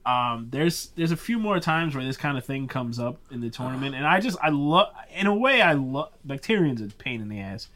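A male podcast host talking in a relaxed, casual way at an ordinary pitch for a man. He laughs often, curses freely, and keeps the chat moving. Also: brisk, few pauses.

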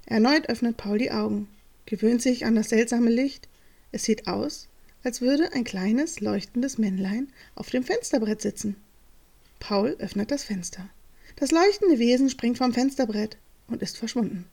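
A woman reading a bedtime story aloud, calm and measured, softening toward a hush. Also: on the high side.

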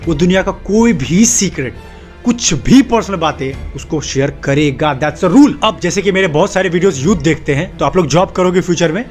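A man's voice: fairly high pitch, normal speed, soft background music. A young man giving an emphatic motivational monologue to camera, stacking up short repeated phrases. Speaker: self-help video host.

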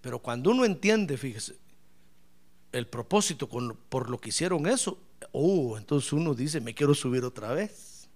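A male pastor preaching a lively sermon, asking the congregation questions and swinging from shouts to soft asides. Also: mid-range voice, normal speed. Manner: animated, playful, asks the congregation questions; bursts into shouts then drops to soft asides.

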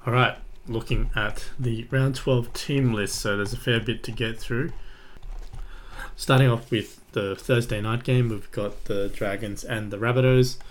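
A man's voice: medium pitch, steady tone, measured pace. An Australian man hosting a sports podcast, giving casual, conversational commentary in an informal way.

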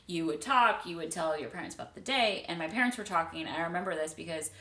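A woman's voice: fairly low pitch, quick pace, recorded from a distance. A young woman co-hosting a casual chat, telling stories animatedly. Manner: animated storyteller, acts out quoted people. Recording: echoey room.

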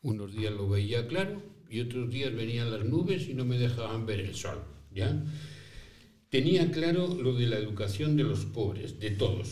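In a roomy, echoing recording where he sounds far from the mic, a man with a mid-range, slightly mellow voice plays an elderly priest who founded schools for poor children. Speaking as an interviewee in character, he tells the story in first person with light acting, rhetorical questions, and small acted-out exchanges.

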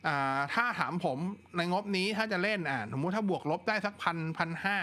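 A man hosting a casual live tech chat, relaxed and talkative, answering viewer questions with plenty of fillers. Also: high voice, brisk. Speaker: tech livestream host.

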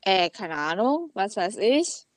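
A woman's voice: mid-range voice, sing-song, slow pace, no echo, studio quality. A young woman co-hosting a casual guessing-game podcast, teasing and easily exasperated. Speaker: co-host playing a guessing game.

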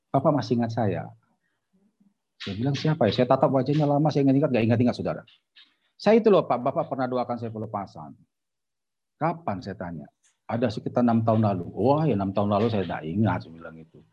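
A man's voice: fairly low pitch, mellow, husky, highs cut off. A man preaching a sermon as a pastor, telling a story to his congregation and speaking sternly and emphatically.

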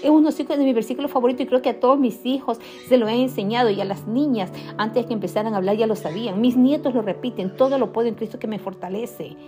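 A woman's voice: on the high side, fast, hardly any pauses, over music. A middle-aged woman preaching a sermon, with fervent, repeated declarations.

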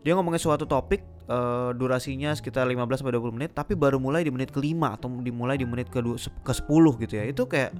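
A young man with Jakarta slang hosting a casual solo podcast, talking fast with many filler sounds. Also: mid-range voice, darkish tone. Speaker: podcast host.

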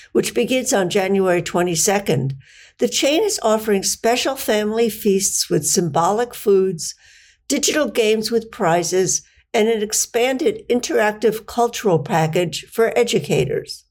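A woman's voice: mid-range voice, darkish tone. Woman hosting a podcast interview. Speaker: podcast host and editor. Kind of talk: scripted intro, then interview questions.

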